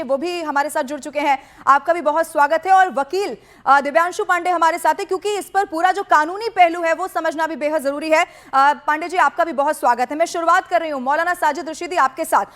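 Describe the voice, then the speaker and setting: A woman news anchor running a heated TV debate, pressing her guests hard and cutting in on them. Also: extremely high pitch. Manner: forceful, interrupts guests, presses questions.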